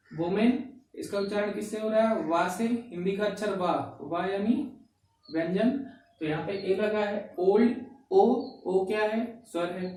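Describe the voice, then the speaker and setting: Male grammar teacher, high voice, slow word-by-word dictation, heavy room echo. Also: darkish tone, recorded from a distance. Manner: slow and repetitive, says "ठीक है" constantly and dictates example sentences word by word. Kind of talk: classroom-style grammar lesson. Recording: very echoey room, voice from off-mic, faint noise.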